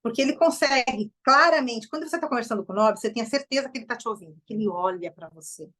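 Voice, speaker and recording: A middle-aged Brazilian woman gives an informal lecture, her words tumbling out at a quick clip. Her voice sits a little high, and she keeps things lively and animated for the group. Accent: Brazilian Portuguese. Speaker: enneagram presenter.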